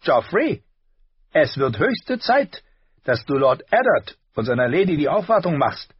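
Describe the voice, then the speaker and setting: Man reading a cutting, clever lord with a raised, lively voice, storybook reading. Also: on the high side, a little slow, slightly rough, highs cut off, voice pushed up, full character voice. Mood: mocking stern. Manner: cutting, scolding. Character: sardonic clever male noble, sharp-tongued uncle.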